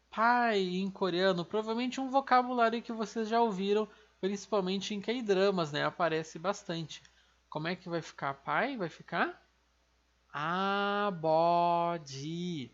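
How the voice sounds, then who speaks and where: A language teacher with a Brazilian Portuguese accent gives an online lesson, slowly and patiently repeating each word and often checking in with tag questions. The voice is medium-pitched with a fairly bright tone, and the sound is lo-fi.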